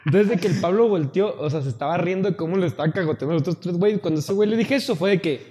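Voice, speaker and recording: A man's voice: sits high, racing, in a large hall. Profane Mexican man telling a story. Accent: Mexican Spanish. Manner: profane, animated, acts out quoted friends. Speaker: podcast co-host. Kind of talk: casual storytelling among friends.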